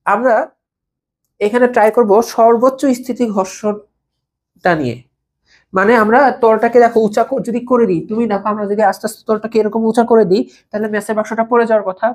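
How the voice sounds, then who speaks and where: A woman's voice: fairly high pitch, steady tone, quick pace, darkish tone. Woman teaching physics, checking in often. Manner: conversational, keeps checking understanding with questions; repeats key terms for students to note down. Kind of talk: recorded video lecture for school students.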